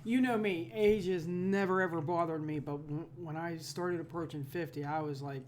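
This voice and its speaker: A woman's voice: fairly low pitch, fairly even intonation, normal speed, a little mellow, slight background noise. A woman in her fifties co-hosting a podcast in casual chat, teasing and laughing often. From Pittsburgh area. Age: 50s. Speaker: podcast co-host.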